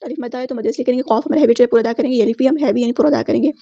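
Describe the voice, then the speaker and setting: Word by word, a female Quran recitation teacher with a high, warm voice teaches tajweed: she slowly chants each word at length, then briskly explains the rules in plain language. The audio is dry and close-miked, its tone slightly dull.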